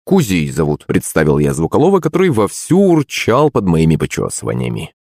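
Brief: male narrator, low, animated, dry recording. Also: fairly quick, no echo. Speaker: audiobook narrator. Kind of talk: first-person audiobook narration.

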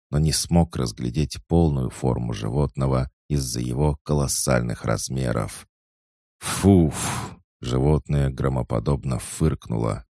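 Deep deep gravelly guy reading a fantasy audiobook, slow and steady, dry close sound. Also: no room sound. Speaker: audiobook narrator. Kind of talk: first-person fantasy audiobook narration.

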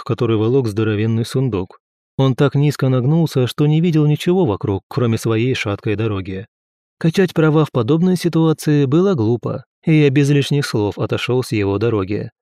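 A man's voice: mid-range voice, mellow, no echo. Man reading an audiobook, dry close sound. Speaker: audiobook narrator. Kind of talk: first-person audiobook narration.

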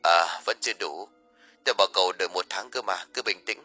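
Guy doing a quiet shifty old antique dealer in an audiobook, low voice, hushed, stalling. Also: quick pace, soft background music. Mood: placating. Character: older male antique shop owner, evasive and placating.

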